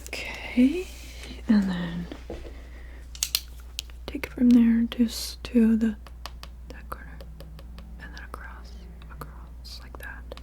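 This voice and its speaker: A woman in a whispered role-play, mumbling to herself in a breathy whisper with soft murmurs, hums and half-finished phrases that trail off. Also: fairly high pitch, lively intonation, slow, pauses often. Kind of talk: whispered ASMR role-play of studying the listener and taking notes.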